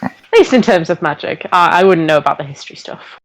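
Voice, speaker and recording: A woman's voice: on the low side, expressive, fast talker, rough recording. A woman playing a tabletop game, speaking casually and offhand, partly in character. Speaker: player. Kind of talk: tabletop play.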